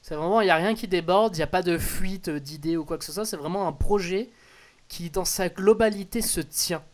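A man's voice: high-pitched, a little fast. A man hosting a casual music chat show, hesitant and repeating words as he leads the talk. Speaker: host.

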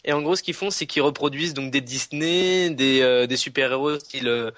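A man's voice: mid-range voice, fairly quick, a bit bright, no echo, dull audio. A young man guest chatting casually over an online call, hesitant with many fillers and a laid-back delivery. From France. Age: young adult.

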